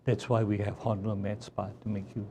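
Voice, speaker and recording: A man's voice: lowish voice, flat delivery, fast, mellow, a little hiss or hum. A man in his sixties from Malaysia who grew up in Singapore, chatting cheerfully as a guest doctor on a talk show. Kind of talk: casual interview chat.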